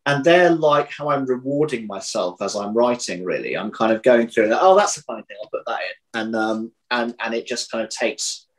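On a video call from a room in his home, a man in his thirties who writes audio dramas is interviewed, thinking aloud and rephrasing in a casual, reflective way. His mid-range voice is animated, moves at a normal speed and barely pauses. The low-quality audio comes from a computer mic at arm's length.

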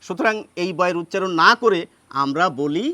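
A man teaching as he writes, patient and unhurried, pausing often with fillers. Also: sits high, bright, forceful tone, no room sound. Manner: patient, with many pauses and fillers. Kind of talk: explaining Bengali pronunciation at a board.

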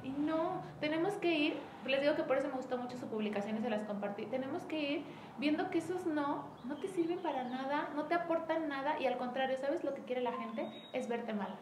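High-voiced animated Mexican woman. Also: fairly quick. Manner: animated, acts out quoted dialogue with lively shifts. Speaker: Mary Kay sales director leading a team meeting. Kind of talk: casual motivational talk to a group. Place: room with a small group present. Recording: echoey room, faint background noise.

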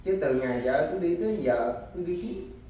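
A man with a southern Vietnamese Mekong Delta accent tells his story in halting, circling sentences. His voice sits a little high and is picked up from a distance. The recording is very echoey, with faint ambient noise behind. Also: lively intonation, dark tone. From Cà Mau, southern Vietnam. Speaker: husband searching for his missing wife. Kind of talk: personal account in an interview.

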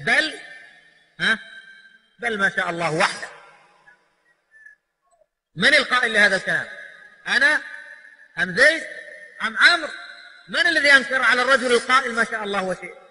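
A man's voice: very high-pitched, animated, a little fast, long pauses, bright, forceful tone. A man preaching a sermon lecture who keeps asking the audience rhetorical questions. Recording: long hall reverb.

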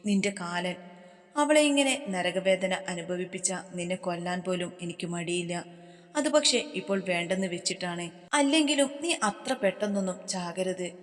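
A woman's voice: fairly low pitch, lively intonation, normal speed, big-room sound, lightly acted. Woman voicing a cold protective young man. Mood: menacing. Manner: cold, threatening.

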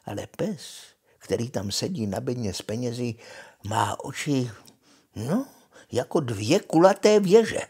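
An older grandfather voicing a scheming old witch woman in a read-aloud fairy tale, pushing her words high and coaxing. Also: sing-song, dark tone, breathy edge.

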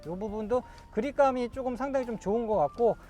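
Casting: male used car salesman, extremely high-pitched, slick and smooth sales patter. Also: quick pace, dark tone, soft background music. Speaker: used car dealer presenter. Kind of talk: car interior sales presentation.

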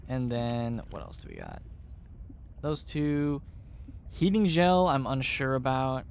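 Gravelly man narrating his gameplay. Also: medium pitch, sing-song, slow, slight background noise. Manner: chatty, thinking aloud, unsure. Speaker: gamer. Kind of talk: let's play commentary.

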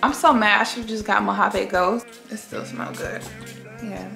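A young woman with a medium-pitched, steady, unhurried voice, marked by vocal fry and a sharp tone, talks over faint background music. In a casual get-ready-with-me vlog, she chats about her outfit and perfumes, then speaks into a phone held close in a gym locker room, rambling and correcting herself as she goes.

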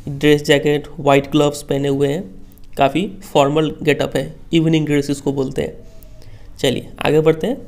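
A man's voice: fairly high pitch, monotone, moderate pace, a little mellow. A male teacher patiently explaining a school text line by line, often checking that students follow.

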